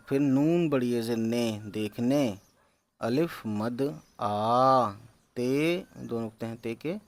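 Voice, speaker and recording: Male teacher, slow patient spelling drills, English words slipped in. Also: medium pitch. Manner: slow, patient syllable-by-syllable sounding out; mixes English words into explanations. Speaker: Urdu teacher.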